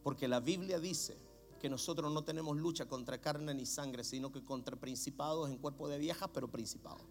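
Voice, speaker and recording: Man, Chilean Spanish accent, middle-aged pastor, animated sermon, raspy edge, faint music. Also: brisk. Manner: animated, swings from low murmurs to shouts.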